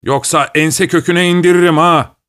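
A man voicing a mocking young hunchbacked passenger who shouts at his driver in a trembling voice. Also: fairly high pitch, steady tone, moderate pace, clean tone, pitched above the performer's own voice, natural voice. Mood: mocking, impatient. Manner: shaky, mocking, impatient shouting. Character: jeering young hunchbacked man, shrill and bossy.

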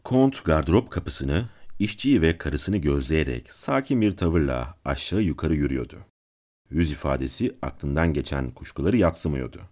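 A man reading a classic story aloud as a channel's narrator, calm and measured. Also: very deep voice. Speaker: audiobook narrator and channel host.

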